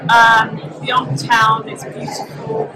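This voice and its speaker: A woman, a property journalist, chatting in an interview full of ums and restarts, on a low-quality live recording at a busy exhibition hall. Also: little pitch movement, takes it slowly. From Britain. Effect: low-quality live recording with loud background noise. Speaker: property journalist, podcast guest. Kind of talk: casual interview chat. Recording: loud crowd noise from a live show.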